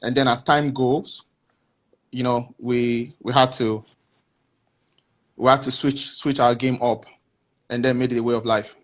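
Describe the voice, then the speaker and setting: A man, a guest on a video call, telling his story haltingly with many restarts. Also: medium pitch, level tone. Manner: hesitant, many restarts, reflective. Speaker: interview guest. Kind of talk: casual interview answers.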